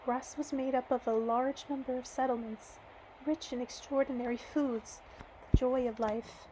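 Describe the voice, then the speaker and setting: A woman reading an audiobook aloud, earnest and measured, her voice slightly hoarse. Her pitch is high and her tone mellow, with a faint hiss of background noise. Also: low-quality recording. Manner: earnest, measured, with occasional restarts. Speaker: audiobook reader.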